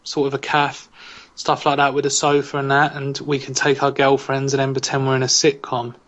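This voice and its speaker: A man's voice: mid-range voice, monotone, fairly quick, a bit bright. Guy hosting a podcast, jokey punny chat, mid voice, muffled lo-fi sound. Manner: jokey, punning. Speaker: podcast host.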